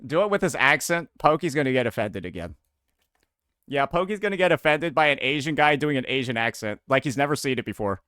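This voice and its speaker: A man livestreaming and chatting casually with his viewers, slangy and animated, swearing often and saying "bro" a lot. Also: mid-range voice, fairly quick, clear, resonant tone, no room sound, studio quality. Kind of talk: casual stream commentary.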